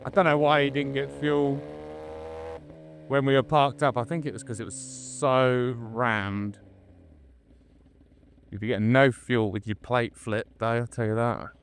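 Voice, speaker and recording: A man's voice: medium pitch, fairly even intonation, measured pace. A British man vlogging casually from a motorbike, rambling informally into a helmet mic as he rides. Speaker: motovlogger. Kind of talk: casual vlog chat while riding. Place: outdoors on a moving motorbike. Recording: noisy helmet mic, engine hum. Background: motorbike engine and road noise.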